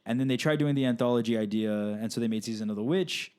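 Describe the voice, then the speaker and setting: A man talks through a film ranking in a loose, casual way. He rambles, with many fillers and restarts, in a voice of middling pitch. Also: quick pace, darkish tone, clear, resonant tone. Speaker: podcast co-host.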